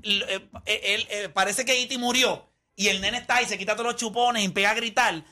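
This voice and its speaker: A man hosting a casual podcast chat, emphatic and animated. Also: sits high, fairly quick. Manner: animated, emphatic, laughs often. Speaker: podcast host.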